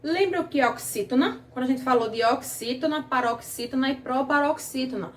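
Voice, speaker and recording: A woman with a Brazilian Portuguese accent teaches children grammar, patiently quizzing the class and drawing out key words. Her high voice moves a little fast, picked up by a distant mic in a reverberant space.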